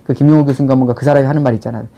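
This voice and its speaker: A middle-aged man, a channel host who mentors people on life and money, gives a casual lecture in blunt, informal speech, speaking very fast in a steady mid-range voice over dull audio. He fires rhetorical questions at his listener and acts out little quoted exchanges as he talks.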